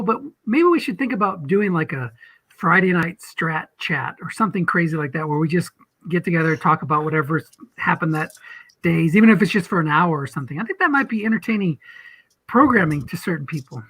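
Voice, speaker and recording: Man, husky voice, casual chat, rambling, fillers. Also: on the high side, animated, fairly quick, a bit bright, low-quality recording. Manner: rambling, lots of restarts and fillers. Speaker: league podcast co-host.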